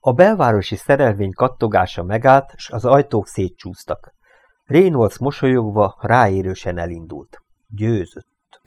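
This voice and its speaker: A man reading a crime novel aloud as an audiobook in measured storytelling fashion, raising his voice for shouted dialogue. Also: lowish voice, expressive, no room sound. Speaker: audiobook reader.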